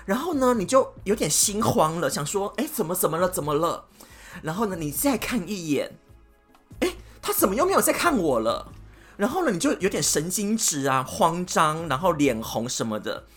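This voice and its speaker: A woman hosting a podcast, giving dating advice as a dramatic, animated storyteller who acts out scenes. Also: lowish voice, moderate pace, slightly rough, soft background music.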